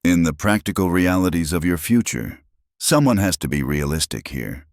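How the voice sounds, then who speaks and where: A man's voice: sits low, animated, moderate pace, dry recording. A man voicing a pushy, resentful grown daughter who pressures her father, in a dry close recording. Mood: pushy, upset. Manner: insistent, pressuring.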